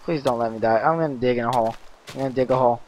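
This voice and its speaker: A man giving casual let's-play commentary, chatty and easily excited, yelping and laughing at mishaps. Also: medium pitch, very fast, a little hiss or hum, low-quality recording. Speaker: gaming commentator.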